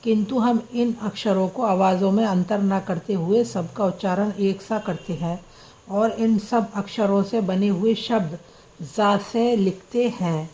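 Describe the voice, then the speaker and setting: Slow, mellow-voiced woman teaching script. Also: medium pitch, low-quality recording. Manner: spells words letter by letter, patient. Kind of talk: slow spelling-out lesson.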